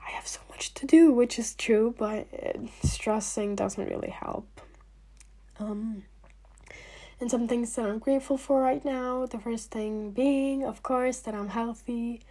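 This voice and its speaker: Young woman, late teens, husky, slightly hoarse, chatty vlog talk, lots of fillers, soft near-whispers. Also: medium pitch. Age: young adult. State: recovering from illness, clearing throat. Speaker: vlogger. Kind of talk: casual talk to camera.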